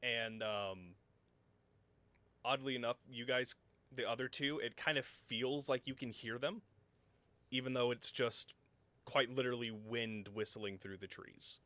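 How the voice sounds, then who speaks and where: A man narrating a tabletop game as game master, halting and full of ums and self-corrections. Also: mid-range voice, pushed and bright, no echo.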